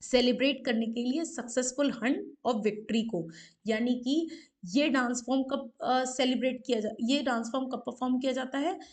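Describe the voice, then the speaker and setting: A woman's voice: sits high, moderate pace. A woman teacher giving an exam-prep lecture on folk dances. She keeps asking questions and confirming with "ठीक है". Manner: explanatory, repeats questions and "ठीक है" often.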